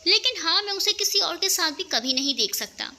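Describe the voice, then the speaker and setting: A brooding young man insists the girl must be his. A woman storyteller voices him without lowering her bright, high voice, so he stays close to her own sound. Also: lively intonation, fairly quick, full character voice. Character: obsessive young man, possessive rival suitor.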